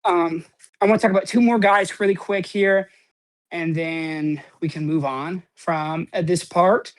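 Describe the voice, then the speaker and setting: A man's voice: high voice, steady tone, a little slow. Guy co-hosting a podcast, rambly and loose, lots of um and like, drops a few swears. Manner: rambling, heavy on "um" and "like", casual swearing. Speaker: podcast co-host. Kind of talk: casual sports chat.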